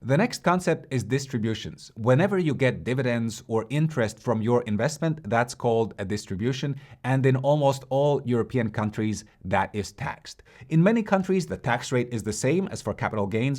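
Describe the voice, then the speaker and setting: Man explaining investing taxes. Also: medium pitch. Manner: direct, instructive, brisk. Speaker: investing channel host. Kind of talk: scripted explainer with screen walkthrough.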